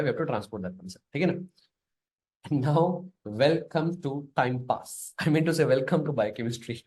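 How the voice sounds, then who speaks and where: A man's voice: fairly high pitch, a little mellow. Indian man lecturing, informal and emphatic. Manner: repetitive, emphatic, often tags phrases with a questioning "sir"; switches between English and Hindi. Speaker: biochemistry lecturer. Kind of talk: informal exam-prep lecture.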